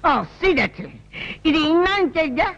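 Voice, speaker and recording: A man's voice: very high-pitched, lively intonation, slow pace, a bit bright, muffled recording, heavily acted. An actor playing a boastful, eccentric male doctor who claims to have invented everything, in a theatrical film comedy. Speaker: quack doctor. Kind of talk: 1990s film comedy acting.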